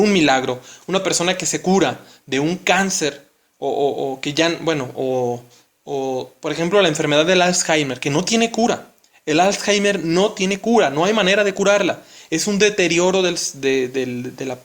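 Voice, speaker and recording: Guy teaching a class, kinda high voice, slow patient explaining, keeps asking "right?". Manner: patient, explaining step by step with frequent checks like "¿sí?". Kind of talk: recorded classroom lesson.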